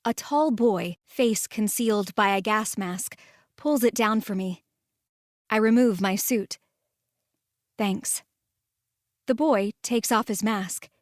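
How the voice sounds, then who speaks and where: A woman narrating a first-person story in a calm, measured way and voicing the lead. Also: mid-range voice, no room sound, clean studio sound.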